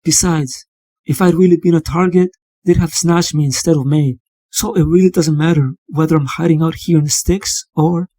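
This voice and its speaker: Fretful young woman, as a man voices her, rambling on about her worries in a higher, husky register. The tone is mellow and dark, and the read is close and dry for a motion comic. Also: fairly even intonation, moderate pace, dry recording, natural voice. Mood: anxious. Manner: anxious, rambling.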